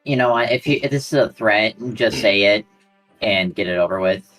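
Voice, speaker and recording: A man with a deep voice talks as a tabletop game player. He moves through casual role-play, with faint music in the background. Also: normal speed, fairly bright tone, poor audio.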